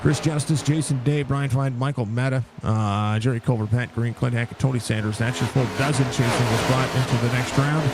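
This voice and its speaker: A man's voice: medium pitch, fairly even intonation, a little fast, hardly any pauses, over loud music. A man giving casual, chatty live sim racing commentary, addressing viewers and drivers directly, his mouth barely opening after facial surgery. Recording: clear background engine noise. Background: race car engine noise.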